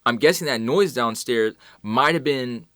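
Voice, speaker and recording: A man's voice: mid-range voice, a little slow, a bit bright, no echo, clean studio sound. A man co-hosting a casual film talk show, rambling through his explanations with frequent restarts. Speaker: podcast co-host.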